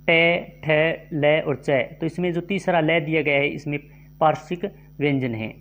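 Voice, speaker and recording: A man teaching a grammar lesson for exam prep, reading out quiz questions and options, then explaining each answer slowly. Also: on the high side, lo-fi sound.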